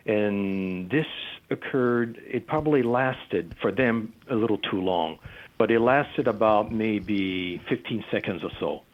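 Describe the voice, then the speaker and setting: A man with a very low voice calls in over a thin, phone-like line. He is a field investigator walking through a case, stopping often on fillers and restarting his sentences. His voice is wearing thin. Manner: halting, with many fillers and restarts. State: losing his voice. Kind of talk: recounting a case in an interview. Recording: tinny phone-line call-in.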